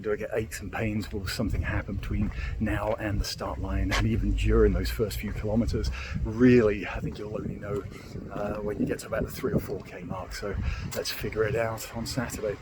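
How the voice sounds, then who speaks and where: A British man chatting casually to his running vlog. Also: lowish voice. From Britain. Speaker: running vlogger. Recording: noisy outdoor recording with ambience, vehicles.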